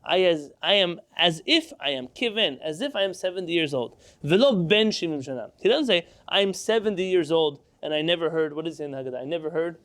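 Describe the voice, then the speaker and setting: A man leads a Talmud lesson with a somewhat raised pitch, working through each passage step by step. He often poses a question to the class and then answers it himself. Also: animated, fast talker, hardly any pauses, fairly bright tone. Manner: explains step by step, asks and answers own questions. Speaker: Torah class teacher.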